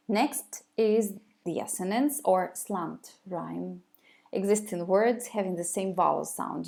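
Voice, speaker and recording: Slow, gravelly-voiced woman lecturing. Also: fairly low pitch, darkish tone. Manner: hesitant, many fillers and restarts. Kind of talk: recorded video lecture.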